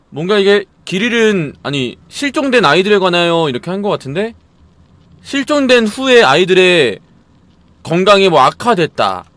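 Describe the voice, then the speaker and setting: A high-pitched man gives live commentary while he plays a horror game. His voice swings widely, from sudden startled shouts to low muttering to himself. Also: dry recording. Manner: jumpy, exclaims and mutters while playing.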